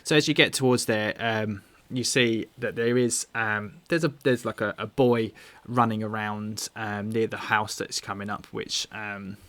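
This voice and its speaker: A man's voice: lowish voice, fairly even intonation, a little slow, few pauses, fairly bright tone, dry recording. A man narrating a tabletop game as dungeon master, hesitant and full of fillers.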